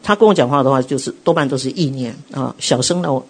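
Middle-aged woman preacher, bit husky, sermon full of stories, acts out the quotes. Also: extremely low pitch, fast talker. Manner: animated storytelling, acts out quotes. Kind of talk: sermon with personal testimony.

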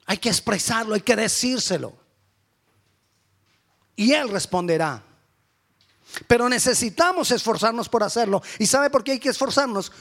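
A man's voice: very high voice, moderate pace, gravelly, long pauses, a bit bright. A man preaching a sermon with fervent, repetitive rhetorical questions.

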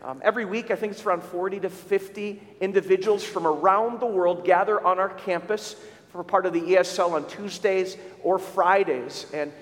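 High-voiced pastor in an echoing church. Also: male voice, fairly even intonation, moderate pace. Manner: conversational, frequent restarts and repeated words. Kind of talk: sermon with church updates. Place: church sanctuary. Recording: long church reverb.

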